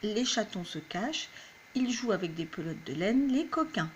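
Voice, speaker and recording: A woman's voice: medium pitch, very animated, moderate pace, dull audio, slight background noise. A woman teacher giving a patient, step-by-step lesson to young children at home. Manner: patient, clear, explains step by step. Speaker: primary school teacher.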